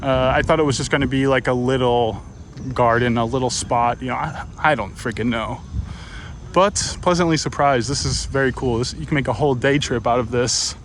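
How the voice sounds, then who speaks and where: A man's voice: medium pitch, moderate pace, a little hiss or hum, poor audio. A young man vlogging casually while walking outdoors through a city park, musing aloud with fillers and restarts into a handheld camera. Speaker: travel vlogger.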